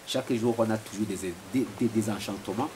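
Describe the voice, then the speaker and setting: Fairly low in pitch and fairly even in intonation, this man talks at a fairly quick clip. He is a philosopher from Rwanda in his forties, interviewed at home, who hesitates a lot and repeats words, and the recording is noisy.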